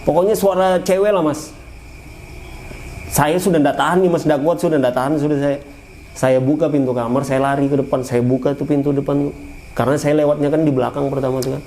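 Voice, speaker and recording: A man recounting his own eerie experience in a casual, animated way, often repeating phrases and addressing the listener. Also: on the high side, slight background noise, rough recording. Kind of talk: casual first-person ghost story.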